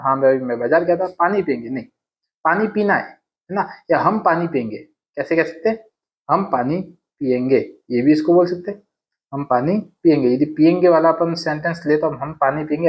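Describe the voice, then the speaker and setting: A man teaching exam grammar in a casual classroom way, repeating each sentence and asking and answering his own questions. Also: fairly high pitch. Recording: dull lo-fi sound.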